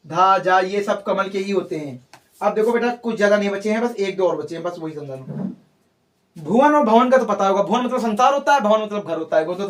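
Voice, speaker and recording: Lively Hindi teacher, heard from a distance. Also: male voice, sits high. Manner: coaxing, repeats points, quizzes students with mock answers. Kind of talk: classroom grammar lesson.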